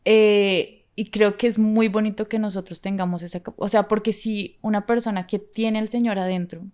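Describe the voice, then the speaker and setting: A woman's voice: mid-range voice, steady tone, normal speed, darkish tone. A woman in a casual podcast chat, giving agreeing replies and talking earnestly about her faith.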